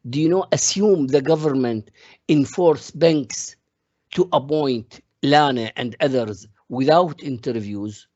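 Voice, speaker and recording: A man's voice: medium pitch, slow pace, a little mellow, no echo, lo-fi sound. A man from Iraq, giving a classroom economics lecture and explaining each point step by step with examples. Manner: explains step by step through worked examples, calls on students.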